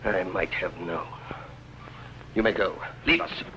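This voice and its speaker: A man's voice: low-pitched, fairly even intonation, slow pace. An actor playing a haughty, scheming King of England, speaking formally and imperiously in 1950s television drama style. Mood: haughty, menacing. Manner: imperious, formal royal speech. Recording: faintly noisy old TV soundtrack.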